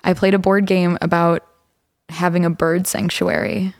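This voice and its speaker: A woman's voice: fairly low pitch, level tone, normal speed, creaky, no echo, clean studio sound. A woman chatting casually as a podcast guest, emphatic and gushing in how she talks. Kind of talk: casual chat.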